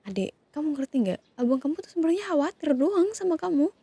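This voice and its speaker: A woman in a whispered role-play, calmly scolding and soothing two siblings who have been fighting. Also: high-pitched, quick pace, no echo. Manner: scolding yet soothing, questioning. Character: woman calming partner and his younger sibling fighting. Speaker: ASMR roleplay creator.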